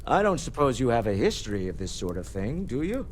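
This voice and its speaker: A man's voice: mid-range voice, sing-song, brisk, a little hiss or hum, lightly acted. A man playing a wealthy older businessman in a video game, urbane, proud and wry. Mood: thoughtful, intrigued. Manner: urbane, self-assured, wryly conversational. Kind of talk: scripted video game dialogue.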